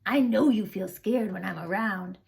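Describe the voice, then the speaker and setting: A woman's voice: medium pitch, normal speed, vocal fry, a little mellow, natural voice. A woman voicing a hairy red creature who is the boy's anger, speaking in a reassuring, coaxing way.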